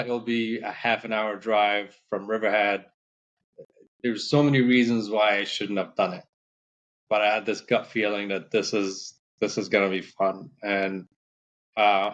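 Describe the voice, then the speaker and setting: A man from Morocco, a podcast guest, telling his story in a relaxed, rambling way with many fillers. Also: lowish voice, muffled recording. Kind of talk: casual storytelling interview.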